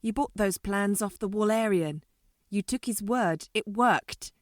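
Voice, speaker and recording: A woman's voice: medium pitch, unhurried, no echo, clean studio sound, natural voice. A woman voicing a grumpy female alien stuck in a human skin suit, complaining as she talks. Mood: grumbling. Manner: complaining, grumbling. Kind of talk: amateur audio drama.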